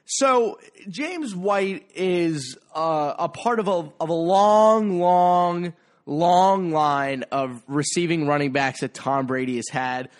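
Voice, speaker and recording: Speaking slowly in a slightly high voice, a stuffy-nosed, congested podcast host chats casually about sports. His delivery is playful and emphatic.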